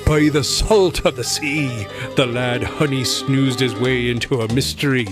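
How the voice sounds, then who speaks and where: A man as a gruff old seafaring captain, slow-talking. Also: mid-range voice, music in the background, lightly acted. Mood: hearty, dramatic. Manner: gruff old fisherman, pompous and theatrical. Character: blustering old seafaring captain, a clawed animal detective. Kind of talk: scripted audio story acting.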